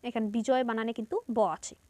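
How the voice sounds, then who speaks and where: A woman with a fairly high voice and a Bangladeshi Bengali accent teaches a grammar lesson. She explains each point step by step and poses questions to her students that she then answers herself. The sound is dry and close, with no room around it. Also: level tone, fast talker, mellow, no room sound.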